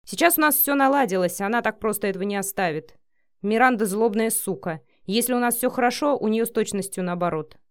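A woman's voice: medium pitch, brisk, clear, resonant tone, dry recording, clean studio sound, natural voice. A woman reading the lines of a tense young male boss in an audiobook, speaking in a curt, strained way.

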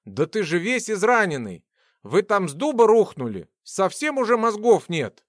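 A tiny but ferocious young nurse who scolds with full indignation, as a man acts her out. Her voice sits high and lively, close and dry. It is a storybook nurse who takes no nonsense. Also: normal speed, no room sound, exaggerated voice. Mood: alarmed. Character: small fierce young female nurse, scolding.

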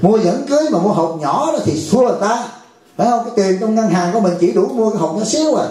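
A man's voice: high voice, animated, quick pace, dark tone. A man giving a joking, conversational Buddhist dharma talk at a retreat, often asking the audience "right?". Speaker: Buddhist teacher. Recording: very echoey hall.

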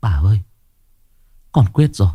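A man's voice: fairly low pitch, sing-song, normal speed, warm tone, breathy edge, dry recording, clean studio sound, exaggerated voice. A man voicing a frightened but stubborn young village girl who talks in an urgent, pleading way, in a storybook horror tale.

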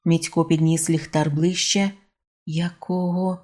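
Audiobook narrator, woman; low, husky, dark-toned, wry and measured. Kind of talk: storybook narration.

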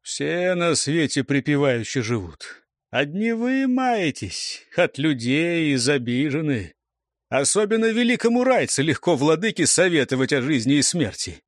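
A man's voice: fairly high pitch, very animated, measured pace, no room sound, studio quality. A man reading the part of a stern old warrior who scolds and interrogates youngsters in an audiobook. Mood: bitter. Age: older. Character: stern old male warrior, sharp-tongued. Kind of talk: audiobook character voice.

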